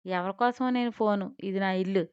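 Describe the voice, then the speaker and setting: A woman's voice: medium pitch, fairly quick, darkish tone, clear, resonant tone, no room sound, close to an everyday voice. A woman voicing a headstrong, arrogant young woman who talks back sharply, in a storybook reading. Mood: defiant. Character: defiant headstrong young woman, rude and proud. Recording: slightly dull lo-fi sound.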